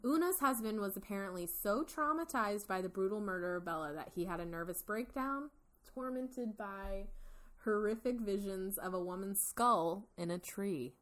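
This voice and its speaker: Woman podcast host telling a true crime story, medium pitch, giggly and casual, swears a bit. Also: moderate pace.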